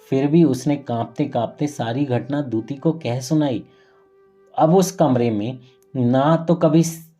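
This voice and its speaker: Deep-toned man narrating a devotional tale. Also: warm tone, dull audio. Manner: earnest, reverent retelling with occasional self-corrections. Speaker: devotional storyteller.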